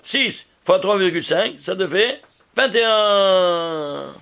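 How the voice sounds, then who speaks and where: High, bright-voiced rabbi teaching. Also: male voice, slow, creaky. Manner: animated, asks rhetorical questions to his listeners. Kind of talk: Torah lesson explaining numerology.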